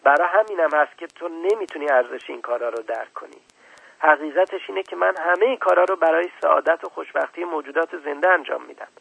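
A man's voice: fairly high pitch, gravelly, a bit bright, breathy edge, no echo, pitched above the performer's own voice, exaggerated voice, poor audio. A man voicing a proud, condescending old scientist in a storybook reading. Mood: lecturing. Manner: lecturing, condescending. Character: old male scientist, proud, dismissive and impatient.

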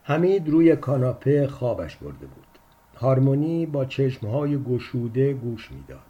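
A male narrator reads a short story in a measured, steady voice. His tone is mellow and warm in color, at a middle pitch. The pacing stays even through the narration. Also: muffled recording.

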